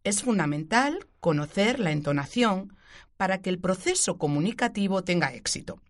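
A woman teacher, explaining a grammar point clearly and giving spoken examples on a radio show. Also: mid-range voice. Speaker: Spanish language teacher.

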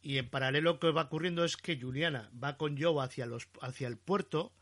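Bright, animated man recapping. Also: fairly high pitch, fairly quick. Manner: animated storytelling, acting out quotes. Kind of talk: casual recap chat.

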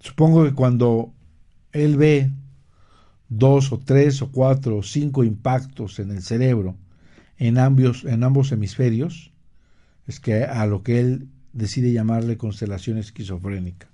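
A man hosting a radio health show, explaining terms and recounting a therapy case in a measured way, with frequent pauses and fillers. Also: medium pitch, dark tone. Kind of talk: slow explanatory talk.

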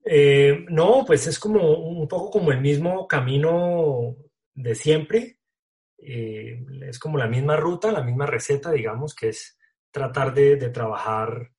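Male actor, relaxed interview chatter, slangy, lots of restarts. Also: fairly high pitch, unhurried. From Colombia. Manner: casual, slangy, many fillers and restarts. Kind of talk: casual interview talk.

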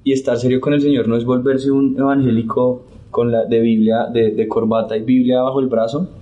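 A man from Santander, Colombia, appears as a guest sharing testimony, earnestly recounting his faith story in casual conversation. He retells it in an animated way, acting out quotes. His mid-range voice runs a little fast, and the recording's highs are cut off.

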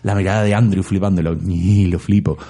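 Husky man telling a story. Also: sits low, fairly even intonation, a little fast, mellow. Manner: jokey, dramatic retelling, acts out lines. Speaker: storyteller retelling a plot. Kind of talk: casual chat.

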